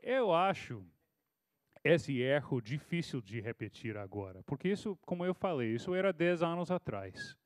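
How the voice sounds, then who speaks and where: A man in his thirties from Texas, a native English speaker with an American accent, tells a story while answering a question on a university panel, where he appears as a foreign correspondent. His voice is fairly high with big pitch swings, his pace moderate, and he sounds hesitant, often restarting. The recording is dry and of studio quality.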